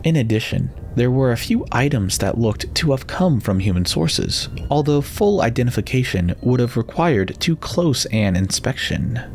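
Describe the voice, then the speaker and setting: A man's voice: medium pitch, big pitch swings, normal speed, creaky, hardly any pauses, darkish tone, faint music behind. A man giving a dramatic scripted narration of a fantasy novel as its narrator.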